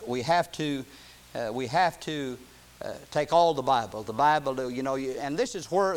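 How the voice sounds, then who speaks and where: A man preaching a sermon to his congregation, swinging from loud, emphatic peaks to low conversational asides, and joking with the listeners now and then. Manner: chuckles and jokes with the congregation. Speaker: pastor.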